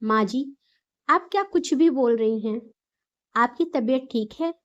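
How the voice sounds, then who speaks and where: A gentle young daughter-in-law, as a woman reading a story puts her on, soft and pleading in a high, slow voice. The sound is slightly dull and lo-fi.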